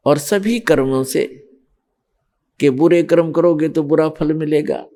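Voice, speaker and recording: A male preacher delivers a religious sermon at a very unhurried, deliberate pace. His voice is soft and mellow, pitched somewhat high for a man. He explains each point with patient, measured emphasis. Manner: slow, measured, explanatory preaching with scripture quotes. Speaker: spiritual preacher.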